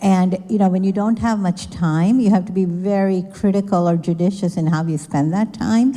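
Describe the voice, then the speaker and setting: A woman's voice: medium pitch, normal speed, dark tone. A woman speaker on a business panel giving candid, joking advice to an audience. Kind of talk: panel talk answering a question. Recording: echoey event hall.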